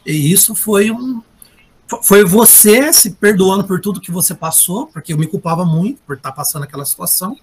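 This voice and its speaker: A man telling a personal story in casual conversation, animated and acting out the voices he quotes. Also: high voice, fairly quick, slightly rough. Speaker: guest sharing a personal story. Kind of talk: casual confessional chat.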